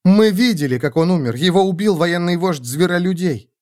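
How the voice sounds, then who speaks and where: A man's voice: high voice, lively intonation, normal speed, dark tone, pitched above the performer's own voice. A man voicing a bold, loyal young woman warrior in an audiobook, speaking earnestly and insistently.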